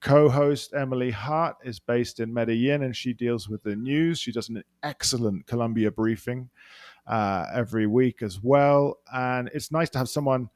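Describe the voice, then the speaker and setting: A man from England with a London accent chats as a guest on a podcast, rambling through a casual interview with frequent restarts and fillers. His mid-range voice is a little mellow and moves at a moderate pace, with no echo.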